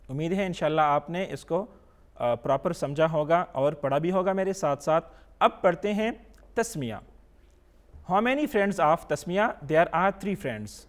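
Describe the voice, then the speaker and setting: A man with a Pakistani accent and a voice that sits high teaches Quran reading on television. He patiently drills each letter through slow, drawn-out recitation and mixes English words into his explanations.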